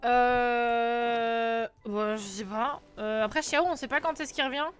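A woman's voice: fairly high pitch, brisk, a bit bright, soft background music. A woman streaming live, chatting casually and playfully with her viewers, teasing and humming between lines. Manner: playful, teasing, chatty, hums and sings syllables. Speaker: Twitch streamer.

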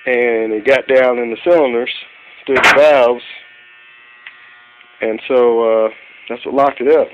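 An amateur mechanic narrates a casual show-and-tell of engine parts in his cluttered garage, holding his phone behind the camera. His medium-pitched voice stays steady and unhurried, with frequent pauses. The recording sounds tinny with an electrical hum underneath.

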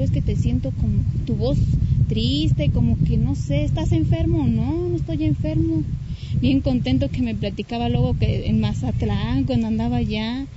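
A woman's voice: high-pitched, dull audio, heavy background noise. A woman with a Mexican Spanish accent, tenderly remembering her late brother in an emotional interview, often quoting their conversations. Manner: tender, reminiscing, quotes dialogue. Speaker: grieving sister of the deceased.

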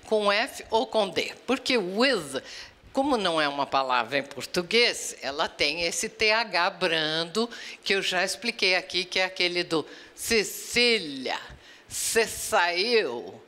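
A woman from Brazil co-hosting a bilingual English pronunciation lesson, modeling words slowly and clearly for students to repeat. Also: on the low side, animated, sharp tone, in a large hall. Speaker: English teacher co-host.

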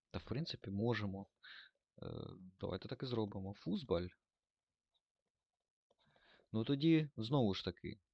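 A man's voice: mid-range voice, no room sound, lo-fi sound. A man teaching German grammar in a lesson, thinking aloud with fillers and self-corrections.

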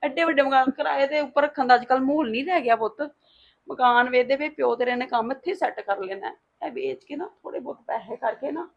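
A woman's voice: high-pitched, gravelly. Worried motherly woman, lo-fi sound. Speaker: mother in a family drama. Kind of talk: emotional Punjabi family drama. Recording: dull lo-fi sound.

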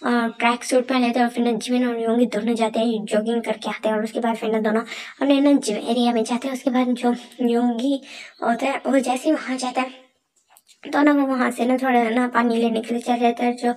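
A woman with a high voice retells a story in a casual, rambling way. She leans on fillers and often restarts her sentences as she goes. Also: level tone, brisk, a little mellow.

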